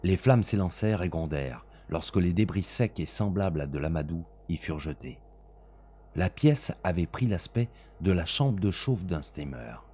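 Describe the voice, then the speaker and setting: Man narrating a story, low voice, dark tone, husky, measured delivery. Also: lively intonation. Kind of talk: audiobook narration.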